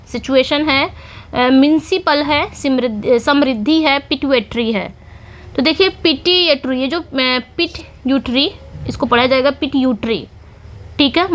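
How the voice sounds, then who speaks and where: A woman's voice: high voice, a bit bright. A woman with an Indian accent teaching an exam-prep spelling lesson, explaining patiently and spelling words out letter by letter. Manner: explanatory, repeats words, many "theek hai" fillers. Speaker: English teacher.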